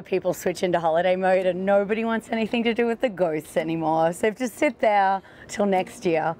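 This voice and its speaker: Female tour guide, slightly low voice, casual wry interview delivery, music underneath. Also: a little mellow. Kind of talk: casual explanatory interview talk.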